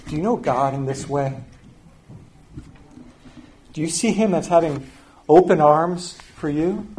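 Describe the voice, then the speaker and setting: An older man preaching a sermon as pastor, telling a family story in a conversational way and often dropping to a soft, quiet voice. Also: a little high, unhurried.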